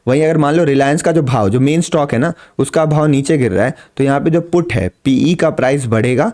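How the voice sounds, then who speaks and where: This trading teacher has a mid-range, slightly mellow voice and talks a little fast. Teaching beginners to camera, he explains patiently, repeats key points, and relies on simple everyday examples.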